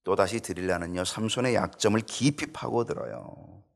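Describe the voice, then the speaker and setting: A man's voice: moderate pace, vocal fry. A man preaching a Bible study sermon, acting out quoted lines with rising emotion. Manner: animated preaching, acts out quoted pleas in high voice. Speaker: pastor.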